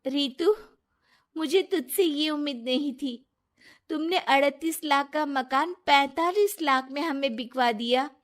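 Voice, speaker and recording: A kind, trusting young woman from a storybook tale, as a woman narrator puts her on. She speaks slowly in a fairly high voice. She is lively and soothing with a friend. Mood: hurt.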